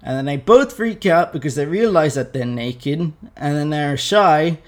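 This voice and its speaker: Slow-talking, irreverent young man. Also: a little high. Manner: irreverent, profane, chatty with fillers. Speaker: vlogger. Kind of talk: casual comedic retelling.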